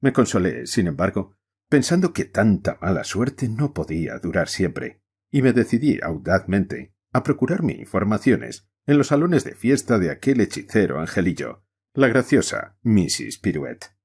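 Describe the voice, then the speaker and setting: A man narrates an audiobook with expressive, storytelling flair. His husky voice is on the low side, and he keeps a normal pace.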